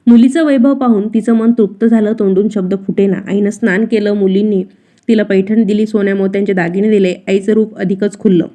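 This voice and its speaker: A woman with a Marathi accent reading a devotional story in a steady, expressive way. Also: mid-range voice, brisk.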